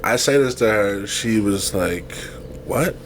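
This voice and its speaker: A man's voice: lowish voice, a little slow, a little hiss or hum. A young man, a podcast co-host, telling a date story in casual chat, swearing and acting out what was said. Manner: storytelling, animated, swearing, acts out quotes.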